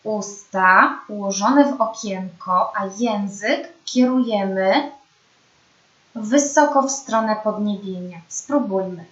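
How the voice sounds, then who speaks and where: A young woman speech therapist giving a slow, patient lesson to children, with careful, clear pronunciation. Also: medium pitch, fairly bright tone. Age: young adult. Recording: dull, roomy home recording.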